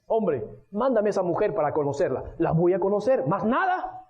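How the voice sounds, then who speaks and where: A man's voice: high voice, sing-song, moderate pace, highs cut off, voice pushed down. A man preaching acts out a biblical king, first tempted, then pleading with God, in a dramatic, exclaiming voice.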